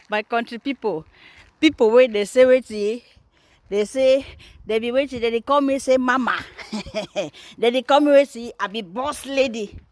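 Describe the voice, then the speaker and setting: A woman's voice: high voice, slow, no room sound. Teasing Nigerian woman vlogger, dry sound. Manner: teasing, mocking. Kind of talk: casual commentary in Pidgin.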